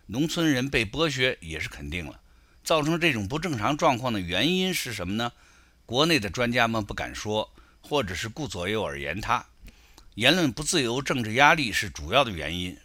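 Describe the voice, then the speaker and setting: A man's voice: mid-range voice, bright, forceful tone, dry recording. A middle-aged man giving critical, argumentative spoken political commentary and telling stories to make his points.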